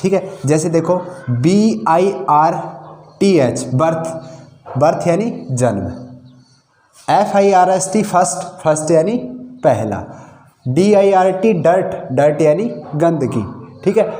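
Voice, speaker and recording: A man's voice: a little high, lively intonation, takes it slowly, warm tone. A man teaching basic English pronunciation, spelling words out letter by letter and checking in with "okay" after each point. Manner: spells words letter by letter, repeats with "thik hai". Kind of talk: step-by-step pronunciation lesson. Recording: echoey room.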